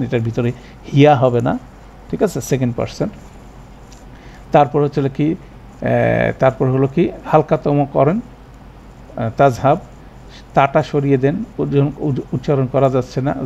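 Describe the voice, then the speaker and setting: A man teaching grammar in a recorded lecture, explaining step by step and slowly repeating example words, with English terms mixed in. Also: medium pitch, gravelly, mellow, lo-fi sound, a little hiss or hum. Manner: mixes English terms into his talk.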